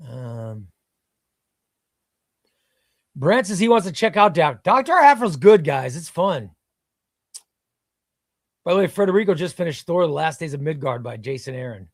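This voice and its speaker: With big pitch swings, a measured pace, and long pauses, a slightly high-voiced man runs a casual livestream where he rambles through viewer comments in an offhand way, swearing occasionally. He sells comic books, comes from Illinois, and spoke Spanish as his first language. The recording is dry and clean, studio quality.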